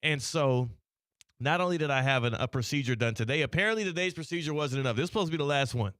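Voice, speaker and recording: A man's voice: on the high side, fast, a bit bright, no room sound, studio quality. An American man hosting casual radio chat, his speech a little slurred, with a mouth half numb from the dentist. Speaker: sports radio show host. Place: radio studio.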